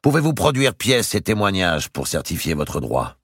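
A man voicing a grave, formal king in an audiobook, speaking in a measured, ceremonious way. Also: deep voice, big pitch swings, a bit bright, no echo, studio quality, pitched above the performer's own voice, heavily acted. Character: grave, formal king presiding over court. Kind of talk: audiobook character voice.

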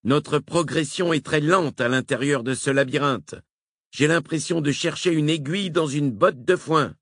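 A man's voice: on the high side, moderate pace, fairly bright tone, no room sound, clean studio sound, pitched above the performer's own voice. A man reading a novel aloud, voicing an impatient, self-important male doctor. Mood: weary.

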